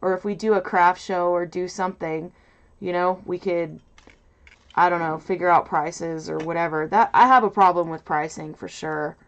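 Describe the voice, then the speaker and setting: A woman hosting a casual crafting livestream in a loud, nasal voice, rambling and hesitant with lots of fillers, from a mic set off to her side. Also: lowish voice, fairly even intonation, moderate pace, lo-fi sound. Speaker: livestream host. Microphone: mic set off to the side, away from camera.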